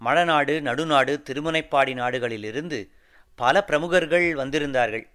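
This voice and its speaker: Man playing young male warrior messenger, humble, polite, soft, quiet, clear, storybook reading. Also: on the high side, a little slow.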